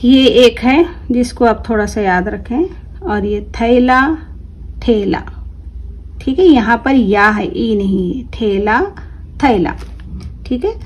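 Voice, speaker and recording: A woman's voice: a little high, slow pace, pauses often, breathy edge. A woman teacher giving an online language lesson, patiently reading word lists aloud and stretching and repeating each word. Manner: patient, instructive, checks in with "ठीक है". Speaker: Urdu teacher.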